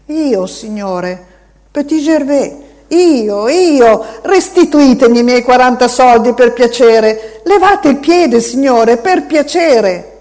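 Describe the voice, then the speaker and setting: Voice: lively intonation, takes it slowly, heavily acted. A reader doing a small pleading peasant boy. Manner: high, loud, pleading cries.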